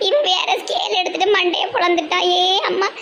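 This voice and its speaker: Brash high Tirunelveli woman, gravelly. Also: fairly even intonation, brisk, noisy background. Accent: Tirunelveli Tamil. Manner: brash and scolding. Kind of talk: comedy sketch acting.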